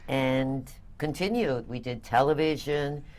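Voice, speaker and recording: Lively older woman from Venezuela. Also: extremely low pitch, measured pace. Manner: animated, laughs often. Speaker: guest. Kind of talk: interview conversation.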